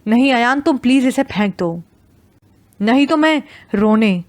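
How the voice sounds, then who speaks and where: A timid, tearful young wife, read by a woman narrator in an audio novel. She pleads in a fairly high voice, recorded close and dry. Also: expressive, no echo, close to an everyday voice. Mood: pleading.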